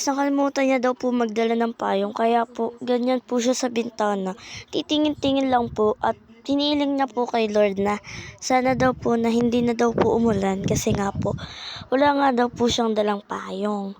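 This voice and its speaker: A woman's voice: a little high, a little mellow. A ten-year-old girl narrating her school day in a casual vlog, talking politely and chattily. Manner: polite, uses po often, chatty. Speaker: child vlogger.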